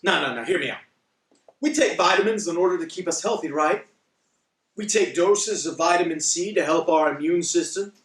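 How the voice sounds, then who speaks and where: A man's voice: on the high side, moderate pace, a bit bright. A man preaching a devotional Bible teaching, telling humorous stories with wry asides. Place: church. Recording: echoey room, speaker far from mic.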